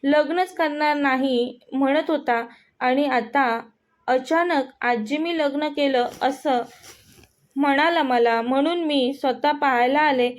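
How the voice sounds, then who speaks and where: A woman with a high voice speaks slowly, playing an affectionate old grandmother. She teases her grandson and scolds him fondly, her tone warm even as she chides.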